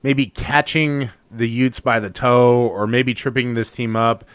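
A man's voice: mid-range voice, steady tone, a little slow, a bit bright, clean tone, no echo. Male podcast co-host, dry close sound, jokey, winding questions. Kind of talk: casual sports podcast chat.

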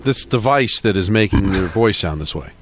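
A man's voice: fairly low pitch, lively intonation, moderate pace, slight background noise. A man co-hosting a sports radio show, adding short reactions and dry asides. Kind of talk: casual sports radio banter.

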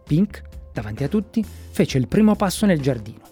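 Expressive children's story narrator, animated delivery, mellow tone, soft music behind. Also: mid-range voice, normal speed, slightly rough. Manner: lively expressive reading.

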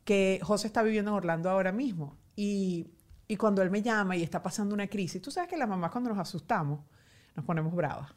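A woman in her forties, a journalist guest, talking candidly and lively about her children, mocking herself and acting out what her family says. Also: medium pitch, quick pace. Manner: animated, self-mocking, quotes family in acted asides. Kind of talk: candid conversational interview. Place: home pantry.

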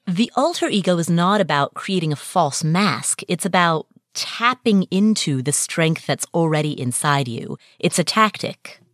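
Lively podcast host woman, dry close sound. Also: fairly low pitch, measured pace, hardly any pauses, dry recording. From Nepal. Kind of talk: podcast interview.

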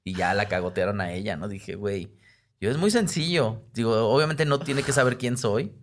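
Mexican male comedian guest, lower-pitched voice, chatty, acts out quotes, restarts often. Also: normal speed. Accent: Mexican Spanish. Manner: animated storyteller who acts out quoted voices; frequent tag questions and self-interrupting restarts. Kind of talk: casual conversational interview.

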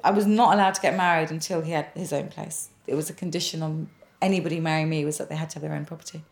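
A woman's voice: low-pitched, steady tone, very fast. A woman telling her own experience in an interview, earnest and emphatic, repeating words for stress. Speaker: interviewee recounting a haunting. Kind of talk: personal testimony interview.

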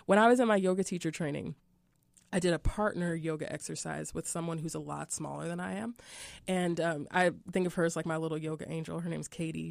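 Woman, yoga teacher and author, open and emotional, slightly low voice, close dry mic. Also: gravelly, darkish tone, no echo. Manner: candid, emotional, laughs while talking. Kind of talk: conversational interview.

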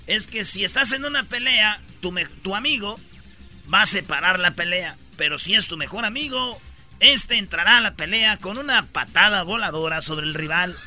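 A man's voice: high-pitched, bright, forceful tone. A man hosting a comedy radio show, telling a joke as a playful road report. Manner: jokey storyteller, playful sign-off.

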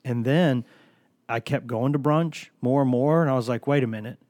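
A man with a mid-range, somewhat dark voice speaks at a normal pace in a dry recording. He hosts a casual sports podcast from a studio while nursing a cold, rambling and cracking jokes as he tells stories.

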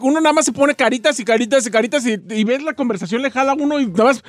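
A man co-hosts a radio show with a very high voice, talking fast. He keeps jumping in with quick jokes. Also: no echo. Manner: quick joking interjections. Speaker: radio co-host.

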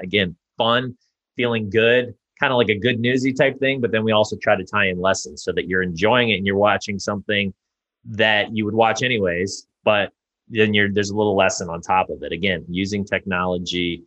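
A man speaking as a guest in a casual interview, upbeat and energetic, often restarting his sentences. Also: low-pitched, no room sound, highs cut off. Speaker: podcast guest.

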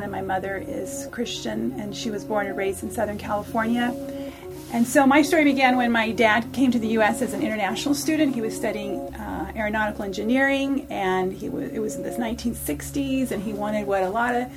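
A woman, a podcast guest, telling her family's story in a measured, reflective way. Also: mid-range voice. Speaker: interview guest. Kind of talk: personal storytelling.

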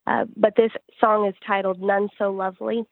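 A woman speaking as a singer-songwriter responds to interview questions at normal speed, her voice creaky and her pitch staying very even. The recording is dry and phone-narrow, without any room sound.

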